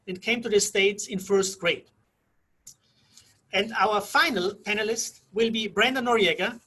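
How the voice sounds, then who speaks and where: A middle-aged man from Austria, moderating a conference panel in a measured, reflective way that slows down for emphasis. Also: sits high, sharp tone, husky. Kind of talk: formal conference introduction.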